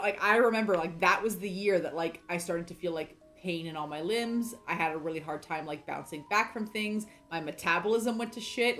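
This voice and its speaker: Rambling, lower-pitched woman gamer. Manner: rambling and self-deprecating, many fillers and restarts. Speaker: game streamer. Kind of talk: casual chat during a game playthrough.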